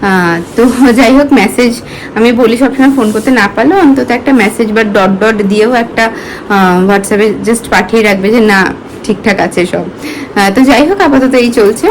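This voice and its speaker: Brief: higher-voiced woman, chatty home vlogger, faint hiss behind. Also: normal speed, poor audio. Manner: chatty, talking through her daily routine. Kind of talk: casual vlog narration.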